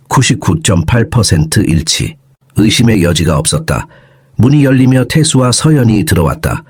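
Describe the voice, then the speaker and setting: Calm, soothing male storyteller for bedtime listening; low, husky, dry close sound. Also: dry recording. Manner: slow, even, soothing. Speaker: narrator.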